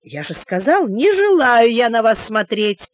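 A woman's voice: fairly high pitch, sing-song, unhurried, no room sound. A woman voicing a teenage boy who taunts people with sarcastic politeness. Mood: mocking. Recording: dull, dry recording.

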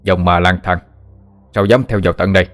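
A man's voice: sits low, level tone, quick pace, in a large hall, faint music behind, close to an everyday voice. A man voicing a stern male exorcist master in a ghost story, commanding and firm.

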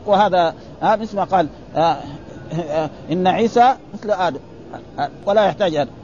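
A man's voice: sits high, fast, darkish tone, slight background noise. A man teaching hadith in a casual spoken style, explaining with everyday examples and often asking his listeners if they follow. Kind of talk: hadith lesson in colloquial Arabic. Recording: dull lo-fi recording.

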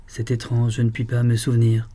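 A man's voice: medium pitch, monotone, brisk, dark tone, lightly acted. A man reading a novel aloud, voicing a confused young noblewoman who is losing her memory, in a raised, searching voice. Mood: bewildered. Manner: bewildered, breaking into anguished cries. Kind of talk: audiobook character voice.

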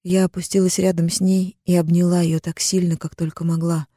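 A woman narrating a first-person story as an audiobook, in a calm, even storytelling manner. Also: on the low side, a little fast, no echo, studio quality.

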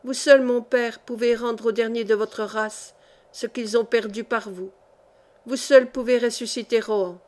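A woman's voice: a little high, fairly even intonation, a little slow, natural voice. A woman playing a fierce, imperious noblewoman. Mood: urgent imploring. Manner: forceful, urgent and imperious. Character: fierce noblewoman, commanding and imploring.

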